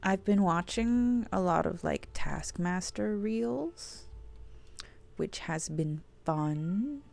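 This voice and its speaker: A young adult woman streaming a puzzle game, murmuring her thoughts aloud and cooing softly to her cat between moves. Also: on the low side, lively intonation, slow, gravelly. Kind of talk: casual gameplay chat.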